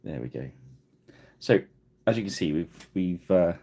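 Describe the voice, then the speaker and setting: This deep, gravelly-voiced livestream host teaches miniature painting live, speaking a little slowly in a warm, expressive tone. He chats easily while working and pokes fun at himself with laughter.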